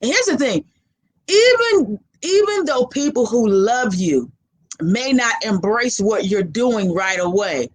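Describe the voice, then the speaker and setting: A woman's voice: mid-range voice, very animated, measured pace. Female talk show guest, conversational and motivational, emphatic, leans on repeated phrases. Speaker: guest giving life advice.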